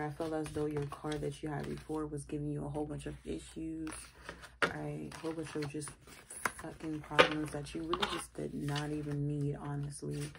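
A woman gives her viewers a casual tarot reading, her low, creaky voice sounding off from its usual self, recorded on a phone with heavy background noise. She is blunt and curses a lot, repeatedly asking "all right?"

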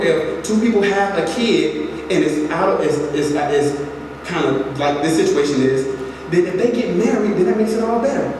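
A man's voice: a little high, darkish tone. Young male preacher in an echoey sanctuary. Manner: earnest, preacherly, with repetitions and direct appeals. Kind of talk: sermon. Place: large church sanctuary. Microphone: pulpit mic, filmed from far back in the pews. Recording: echoey hall from far off, audible noise.

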